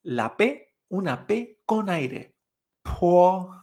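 A man's voice: on the high side, lively intonation, measured pace. A man teaching Chinese pronunciation in Spanish in an online lesson, explaining patiently and checking in with the listener often.

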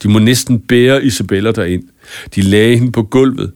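A man reading a children's story aloud in a calm, even narration. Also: lowish voice, no echo, clean studio sound. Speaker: audiobook narrator. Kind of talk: scripted narration.

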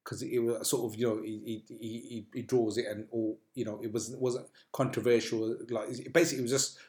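A man's voice: medium pitch, flat delivery, a little fast, a little mellow. A man hosting a casual podcast chat, rambling with many hesitations and restarts. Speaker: podcast host. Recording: echoey room.

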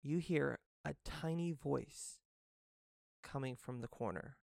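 A man's voice: mid-range voice, slow pace, creaky, a little mellow, no room sound. A man narrating a tabletop game as game master. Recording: dry, with faint music behind. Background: faint music.

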